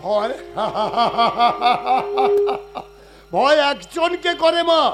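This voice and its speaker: A pious older official speaks in a high, declamatory voice that sounds fatherly. He stays upright and proud. Stage music plays behind him. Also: moderate pace. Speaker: government inspector. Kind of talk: jatra stage acting.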